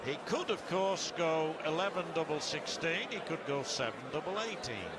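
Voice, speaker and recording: A middle-aged man giving live darts commentary in a measured, wordy way with wry turns of phrase. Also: a little high, expressive. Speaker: darts commentator, expert summarizer. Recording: very loud crowd noise behind. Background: loud darts arena crowd.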